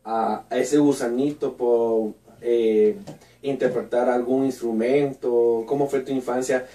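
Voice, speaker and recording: Mellow-voiced radio host. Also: male voice, medium pitch, steady tone, takes it slowly, far from the mic. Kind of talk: hosting an interview. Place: small radio studio with red wall. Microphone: boom mic at a desk, headphones on. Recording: echoey room, voice picked up from afar.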